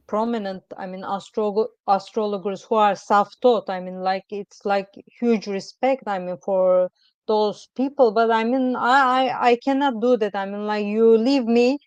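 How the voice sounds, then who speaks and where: A woman's voice: mid-range voice, a little mellow, clear, resonant tone, no echo. A middle-aged woman from Turkey with a Turkish accent, a guest astrologer chatting over a video call in a hesitant, rambling way full of "I mean, like.". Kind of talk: casual interview chat. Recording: dull lo-fi sound.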